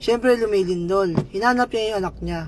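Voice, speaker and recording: High-voiced man telling jokes. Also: a little fast, slight background noise. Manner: chatty, joking, reads out viewer shoutouts. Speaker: livestream vlogger. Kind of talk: casual livestream storytelling.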